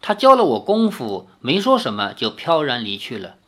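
A man's voice: mid-range voice, huge pitch swings, normal speed, sharp tone, exaggerated voice. A man voicing a polite young swordsman who speaks respectfully to an elder. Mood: humble. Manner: respectful, humble.

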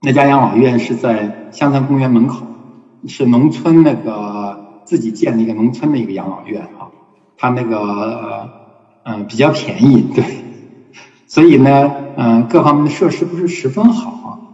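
A man, a hospice volunteer speaking as a guest, tells a story slowly and repeats words as he searches for details. His voice sits at an ordinary middle pitch. It is recorded in a roomy hall with a long reverb tail and a muffled, dull sound. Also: darkish tone. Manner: unhurried, repeats words while recalling. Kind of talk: conversational storytelling.

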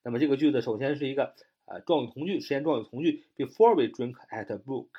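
A man teaching English vocabulary in a lesson. He spells words out letter by letter, slows down for the English examples and fills his talk with a drawn-out "ah". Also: mid-range voice, expressive, breathy edge, dull audio. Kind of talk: explanatory lesson.

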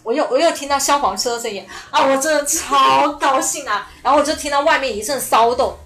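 A woman in a casual podcast chat, telling a story in an animated, rushed way full of restarts. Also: high voice, faint music behind. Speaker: podcast guest.

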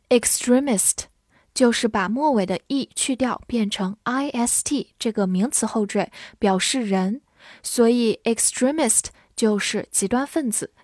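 A woman teaching English vocabulary in a calm, clear way. She spells words out letter by letter and reads example sentences slowly for her listeners to repeat. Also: fairly high pitch, no room sound, studio quality. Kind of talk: vocabulary lesson.

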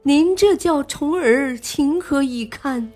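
A woman's voice: medium pitch, sing-song, measured pace, husky, faint music behind. A woman voicing an earnest exiled male prince who speaks with indignant force in a storybook reading. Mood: dismayed. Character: proud exiled prince, grown man, earnest.

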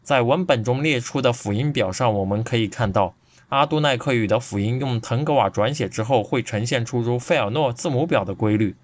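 A man's voice: mid-range voice, fairly quick. A man presenting a scripted podcast lecture, reading steadily and evenly from his notes into a close microphone.

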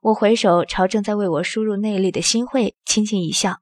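A woman narrating an audio drama in the first person with a steady storytelling manner. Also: medium pitch, brisk, dry recording, studio quality.

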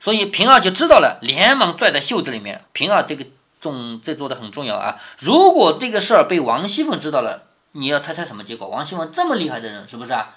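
A man's voice: fairly high pitch, very animated, fast, pushed and bright. A man reading a classic novel to his daughter, stopping often to explain and to ask rhetorical questions. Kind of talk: reading aloud with commentary.

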